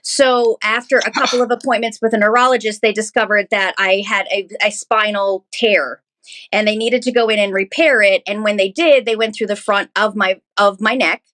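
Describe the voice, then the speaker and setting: A woman's voice: medium pitch, steady tone, moderate pace, a bit bright. A woman from Canada telling stories as an interview guest in a casual, chatty way. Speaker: guest, musical theatre performer and content creator.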